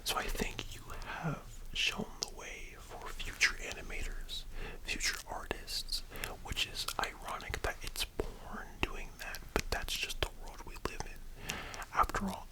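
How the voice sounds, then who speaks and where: A young man giving a casual, musing ASMR monologue in a soft, breathy library whisper, with halting delivery. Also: poor audio. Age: young adult. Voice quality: hushed, breathy unvoiced whisper. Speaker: ASMR video host.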